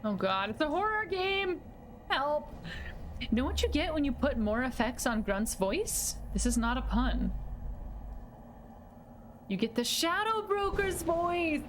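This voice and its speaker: A woman streaming a video game with chatty, casual commentary. Her voice is high and swings expressively with jittery reactions, while game noise is clearly heard behind her. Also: big pitch swings, measured pace, long pauses. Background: video game action.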